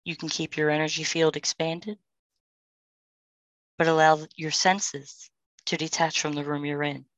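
Woman, meditation guide, soothing, slow, monotone delivery. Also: low-pitched, no echo. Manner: slow, soothing, calm instructions with pauses.

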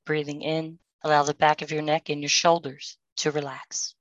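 Low, flat, calm woman guiding meditation. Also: no echo, dull audio. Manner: slow, soothing, calm instructions with pauses. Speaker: meditation guide.

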